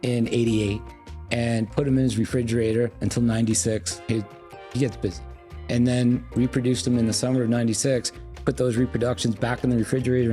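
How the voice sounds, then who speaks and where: A man casually telling an anecdote, acting out the quoted lines of others. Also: medium pitch. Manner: animated storytelling, acts out quoted dialogue. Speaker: guest storyteller.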